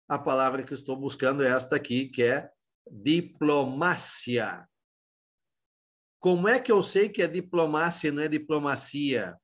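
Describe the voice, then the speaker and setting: Brazilian male teacher, slightly high voice. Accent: Brazilian Portuguese. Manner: explanatory, asks and answers his own questions; many fillers and restarts, informal. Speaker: Spanish teacher. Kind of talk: exam-prep lesson.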